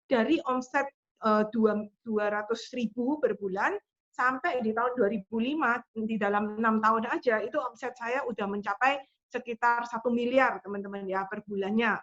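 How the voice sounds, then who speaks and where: A woman with a somewhat high voice tells her personal story in an online motivational talk. She is animated and acts out the lines she quotes. The sound is a little dull and lo-fi. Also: normal speed. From Indonesia. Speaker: motivational speaker.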